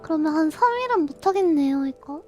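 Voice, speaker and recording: Very high-pitched, cute anime-style young woman streamer. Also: expressive, a little fast, dark tone, faint music behind. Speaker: live streamer signing off. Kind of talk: casual chat to stream viewers.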